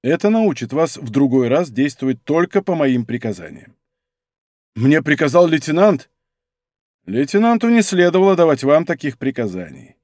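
A man's voice: a little high, big pitch swings, darkish tone, no echo, clean studio sound. A man doing a stern, commanding general. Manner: measured, resonant, imperious. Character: commanding male general, calm but stern.

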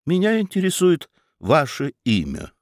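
A man's voice: fairly high pitch, measured pace, no room sound, clean studio sound, pitched above the performer's own voice, full character voice. A man doing Munchausen, sly and witty. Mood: ironic. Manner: cheerful and ironic, calmly logical. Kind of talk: dramatic reading of a story.

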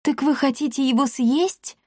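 A woman voicing a timid, kind young girl asking soft questions. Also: high voice, normal speed, no room sound, clean studio sound, pitched above the performer's own voice, natural voice.

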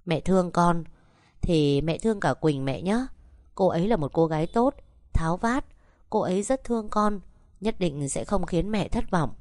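A woman's voice: lowish voice, expressive, normal speed, darkish tone, no room sound, clean studio sound, lightly acted. A woman voicing a young man who earnestly coaxes his mother to accept his girlfriend. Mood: coaxing.

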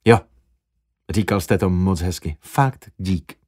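A male audiobook reader voicing an earnest young woman who speaks softly and persuasively. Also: deep voice, voice pushed down. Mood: explaining.

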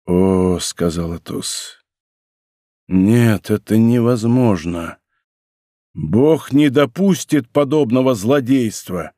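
A man voicing a grave, restrained nobleman in an audiobook, speaking slowly, low and heavily. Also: animated, dark tone, no echo, studio quality. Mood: grim. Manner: slow, low, heavy deliberate speech. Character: grave older nobleman, stern, grim, restrained. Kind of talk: audiobook role reading.

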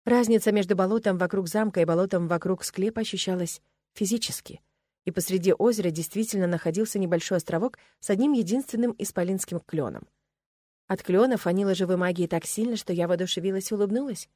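A woman narrating an audiobook in the first person, with a wry, expressive delivery. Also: medium pitch, quick pace, no room sound. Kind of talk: scripted narration.

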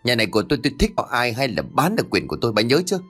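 A man's voice: mid-range voice, huge pitch swings, rapid-fire, fairly bright tone, dry recording, soft background music. A man reading an audiobook, voicing a greedy, cruel young adult son who snarls with contempt. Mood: contemptuous.

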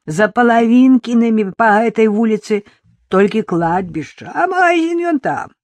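A woman's voice: fairly high pitch, animated, moderate pace, a little mellow, no echo, pitched above the performer's own voice, lightly acted. A woman voicing a terse, wary old village woman who speaks in a rural Belarusian-tinged dialect, for an audiobook. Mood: gruff, wary.

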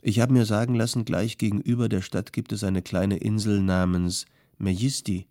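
A male audiobook reader voicing a settled young potter who calmly gives practical advice. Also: lowish voice, moderate pace, no echo, studio quality, natural voice. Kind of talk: audiobook character voice.

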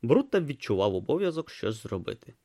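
A man narrating a comic fantasy novel as an audiobook, in an expressive storytelling read. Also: medium pitch, brisk, no room sound, studio quality.

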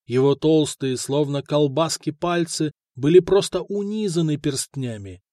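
A man narrating an audiobook story in a steady, expressive storytelling manner. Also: fairly high pitch, unhurried, no echo, clean studio sound. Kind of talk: scripted narration.

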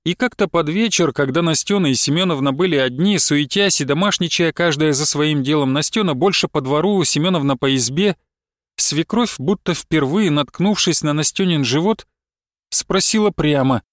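High-voiced man narrating a novel. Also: normal speed, dry recording, clean studio sound. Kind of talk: audiobook narration of literary prose.

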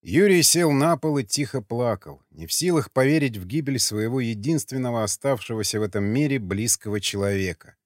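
A man's voice: medium pitch, lively intonation, brisk, few pauses, dry recording, clean studio sound. Grave male audiobook narrator. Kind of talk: scripted dramatic narration.

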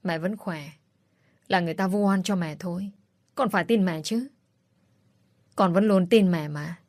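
A woman's voice: on the low side, normal speed, a little mellow, no echo, close to an everyday voice. A woman voicing a scornful scheming stepmother. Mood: defiant. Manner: contemptuous, threatening. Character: scheming ruthless middle-aged stepmother, cruel.

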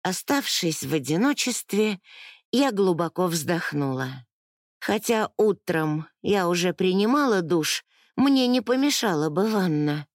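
A woman narrating a novel in first person with measured, even storytelling. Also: fairly low pitch, no echo, studio quality. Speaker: audiobook narrator.

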